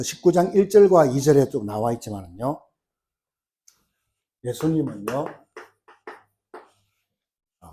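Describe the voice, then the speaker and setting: A man's voice: mid-range voice, warm tone. A man preaching a sermon as pastor, telling a story with frequent "uh" fillers and building force. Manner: storytelling, acting out quoted cries with rising force. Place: church sanctuary.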